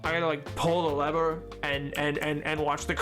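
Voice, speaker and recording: A man chatting casually and excitably on a gaming livestream, joking and repeating his words. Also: on the high side, fairly quick, soft background music. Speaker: game streamer.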